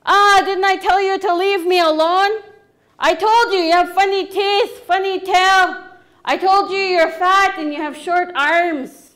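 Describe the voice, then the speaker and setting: A woman voicing a mean, haughty frog woman who scolds and mocks in a shrill, high voice. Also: expressive, takes it slowly, fairly bright tone, exaggerated voice. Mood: scornful.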